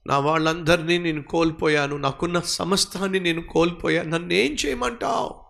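A man's voice: on the high side, fairly even intonation, fairly quick, creaky, a bit bright. A man voicing a grown man in anguish, pleading with God in repeated, rising cries.

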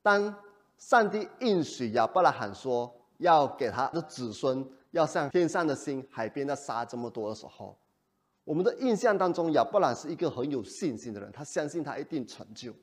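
A male pastor preaching a sermon in an animated way, often putting rhetorical questions to the congregation. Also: mid-range voice, normal speed.

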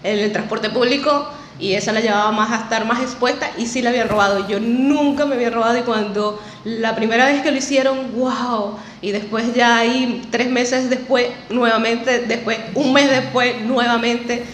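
A woman's voice: a little high, steady tone, moderate pace. Venezuelan woman guest on a podcast, chatty and laughs a lot, roomy echo. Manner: chatty, laughs often, a bit nervous. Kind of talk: casual interview. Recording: echoey room, faint noise.

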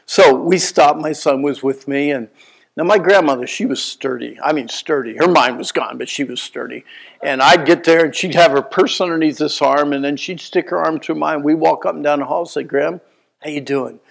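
A preacher in his sixties tells a story from the pulpit, his voice a touch high and rough with gravel. He jumps from loud, excited bursts to hushed asides. It is lively, personal sermon storytelling. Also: a little fast, poor audio. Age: 60s. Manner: animated, swings from loud bursts to quiet asides.

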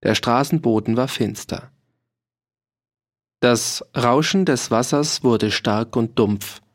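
A man reading a historical novel aloud at a slow, measured pace, voicing the characters' lines. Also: medium pitch. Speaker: audiobook narrator. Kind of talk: scripted narration of a historical novel.

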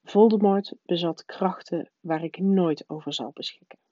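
A woman reading aloud voices an old male wizard headmaster who talks in a calm, mild, measured way. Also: lowish voice, no echo, close to an everyday voice. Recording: dull, dry lo-fi recording.

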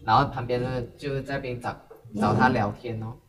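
Man, casual chat, teasing, halting repeats; distant mic. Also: medium pitch, steady tone, crowd noise.

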